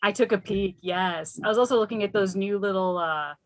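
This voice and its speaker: A woman's voice: mid-range voice, brisk, poor audio. A woman from Chicago, a guest who organizes a yarn event, chatting earnestly about it. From Chicago area. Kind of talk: casual chat.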